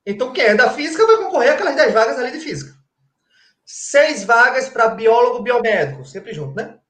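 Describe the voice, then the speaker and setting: Very high-voiced, very animated and brisk, with a fairly bright tone, the Pernambucan forensic crime-scene expert speaks as a guest, explaining in a conversational way. His didactic, colloquial manner features rhetorical questions and frequent "tá?" check-ins, and the space echoes roomily.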